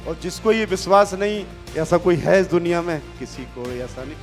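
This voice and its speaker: A middle-aged man, giving a fervent stage motivational speech that swings between quiet intimate passages and loud shouts. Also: high-pitched, lively intonation, moderate pace, soft background music. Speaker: motivational speaker.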